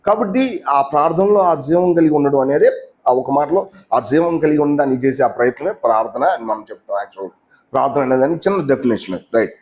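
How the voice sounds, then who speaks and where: A man's voice: medium pitch, lively intonation, fast talker, darkish tone. A man preaching a teaching sermon in a conversational way, often asking the listeners questions and mixing in English words.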